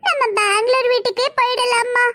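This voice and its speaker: A woman's voice: very high-pitched, steady tone, a little fast, fairly bright tone, pitched above the performer's own voice. A woman voicing a small child in a cartoon, whining and pleading in a tearful way. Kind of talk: cartoon voice acting.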